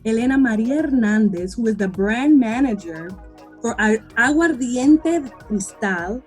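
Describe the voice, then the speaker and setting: Woman co-host, high voice, slow pace, faint music behind. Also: expressive, darkish tone. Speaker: podcast co-host. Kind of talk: scripted podcast intro.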